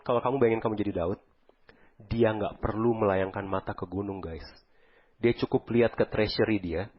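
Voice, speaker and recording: A man preaching a sermon as a pastor, in a relaxed conversational way, switching freely between Indonesian and English. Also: on the low side, slightly rough, dull audio. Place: church hall.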